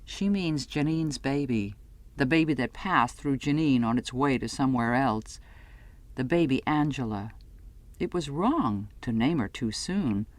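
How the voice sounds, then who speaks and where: A woman with a very deep, lively-intoned voice narrates an audiobook of scripted first-person literary fiction. Her phrasing is measured and dramatic, with no room sound.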